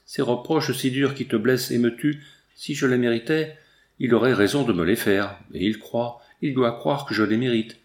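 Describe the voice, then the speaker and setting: A man's voice: mid-range voice, moderate pace, natural voice. A man voicing a wronged young woman who pleads earnestly and insists on her innocence, in a storybook reading. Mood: pleading. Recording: roomy echo.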